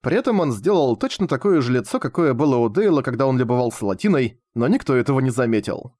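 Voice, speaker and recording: A man narrating an audiobook with expressive storytelling. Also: mid-range voice, fast, dry recording. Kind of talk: scripted narration.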